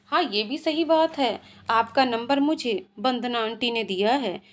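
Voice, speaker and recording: A playful young woman in a spoken storybook, teasing and affectionate. The voice is high and bright in pitch, as a woman narrator puts her on. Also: measured pace, lightly acted.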